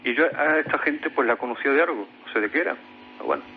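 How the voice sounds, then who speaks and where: Fast and expressive, a Spanish man with a mid-range voice tells listeners of a radio mystery show about a strange paranormal event he experienced. He often hesitates and goes back over his words. The sound is phone-quality, with slight background noise.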